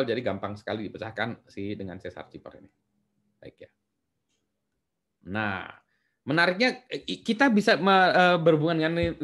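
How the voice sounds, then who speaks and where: Middle-aged male lecturer, Indonesian accent, relaxed and chatty, many "eh"s and tag questions, medium pitch. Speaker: university lecturer. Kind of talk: recorded lecture.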